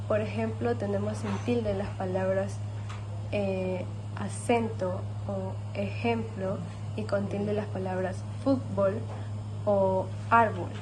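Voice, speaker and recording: A woman's voice: medium pitch, noisy background. A woman giving a student presentation on grammar, explaining steadily with a few fillers.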